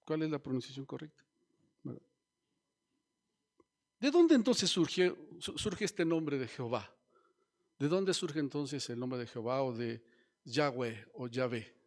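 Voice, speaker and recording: A man's voice: mid-range voice, lively intonation, a little slow, pauses often. A man preaching a sermon as pastor, teaching and asking the congregation questions. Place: church.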